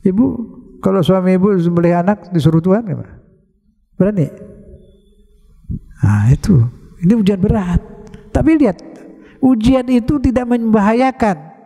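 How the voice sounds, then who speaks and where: An older man preaches in a mosque, casual in tone and quizzing his listeners. His voice sits high, with a mellow, dark color and a gravelly edge. A long reverb from the hall trails every phrase. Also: expressive, normal speed, pauses often. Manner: colloquial, asks the congregation questions. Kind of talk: mosque sermon.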